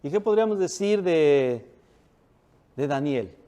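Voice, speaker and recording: A man's voice: a little high, animated, unhurried, mellow, smooth. A man preaching a sermon, reading scripture aloud, asking questions and answering them himself, calling his listeners brothers. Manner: calls listeners "hermanos". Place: church.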